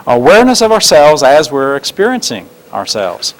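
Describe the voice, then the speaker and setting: A man giving a seminar talk, telling stories in an animated way and acting out the quotes. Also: fairly high pitch, moderate pace, poor audio. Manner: animated storyteller, acts out quotes. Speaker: seminar presenter. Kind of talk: teaching talk with acted examples.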